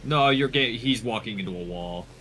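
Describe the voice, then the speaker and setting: A man playing a game with friends, making quick reactive remarks. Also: medium pitch. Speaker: co-player. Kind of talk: casual gaming chat. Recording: loud noise behind voice.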